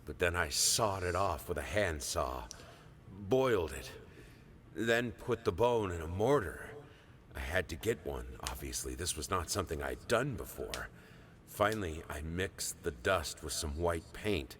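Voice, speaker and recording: An actor playing an obsessed male painter who recounts gruesome work in a calm, matter-of-fact way, as game voice acting. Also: low-pitched, unhurried, a little hiss or hum. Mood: detached. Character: obsessed male painter narrating grim deeds.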